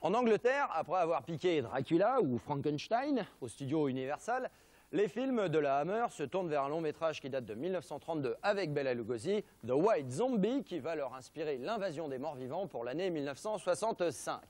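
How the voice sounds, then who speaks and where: A French-accented male TV host presents film history with ironic, mock-serious humour. He drops jokey asides in a slightly high-pitched voice. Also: very animated, a little fast, a little mellow. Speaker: television show host.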